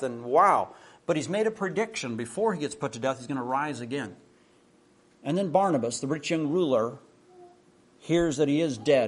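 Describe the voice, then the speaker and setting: A man preaching a sermon, telling stories in a conversational way with frequent restarts. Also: sits high.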